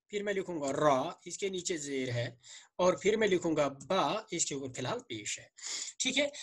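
A man with a Kashmiri accent and slightly hoarse throat, teaching a grammar lesson, asking questions and answering them himself while repeating words slowly. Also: sits high, sharp tone. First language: Urdu. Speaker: Arabic teacher.

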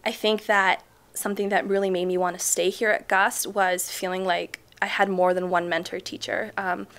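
A woman's voice: mid-range voice, level tone, normal speed, a bit bright, clean tone. A woman in her twenties, originally from Chile, who is a teacher answering interview questions in a school library, speaking thoughtfully with frequent ums. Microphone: off-camera mic, seated interview framing.

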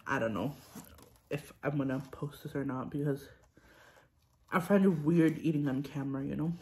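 A woman's voice: deep voice, normal speed, warm tone. A young woman vlogger chatting casually between bites of food, rambling with ums and restarts. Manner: talks between bites, chewing and sipping. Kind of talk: casual mukbang chat while eating.

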